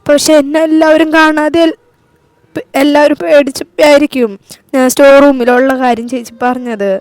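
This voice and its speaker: Storybook reading: scared gentle young woman, pleading, voiced by a woman in a very high voice. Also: steady tone, unhurried, dry recording. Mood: frightened. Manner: pleading, anxious.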